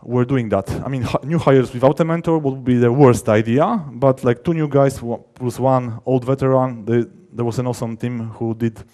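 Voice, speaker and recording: Speaking at normal speed with few pauses, a male software developer presents at a conference in a relaxed, mellow voice of standard male pitch. He handles technical topics casually, stressing key words, and his sentences often halt and restart as he rephrases.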